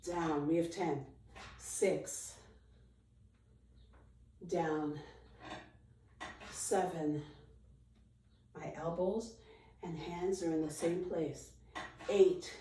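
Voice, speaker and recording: A woman's voice: low-pitched, steady tone, drawn-out words, long pauses, dark tone, slight background noise. A woman leading an exercise class as an aerobics instructor, giving short encouraging commands, counting reps and cueing form. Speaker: fitness instructor leading a chair workout. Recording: roomy echo, distant microphone.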